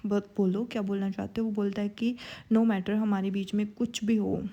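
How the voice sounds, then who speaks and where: A woman's voice: mid-range voice, little pitch movement, normal speed, mellow, lo-fi sound. A young woman casually retelling a drama scene by scene, quoting each line of dialogue with her own asides. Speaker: drama recap narrator. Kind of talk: casual storytelling recap.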